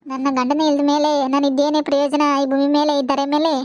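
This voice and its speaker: A woman's voice: high-pitched, level tone, fast, darkish tone, dry recording, natural voice. A woman voicing a grieving elderly village widow in a cartoon, lamenting in rural Malnad Kannada with repeated cries. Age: older. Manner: wailing lament, repeating phrases. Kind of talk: animated cartoon voice acting.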